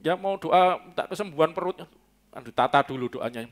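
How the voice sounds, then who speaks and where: A male pastor delivers a sermon in an easygoing, joking manner. His voice sits a little high for a man, and he sometimes bursts into loud, playful mock prayers. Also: expressive, brisk. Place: church hall.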